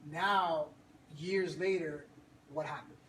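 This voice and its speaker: Speaking slowly in a slightly high voice, a man leads a fitness group with an upbeat, hype-filled motivational talk, often breaking into laughter. The mic is far from him in a noisy, echoey space.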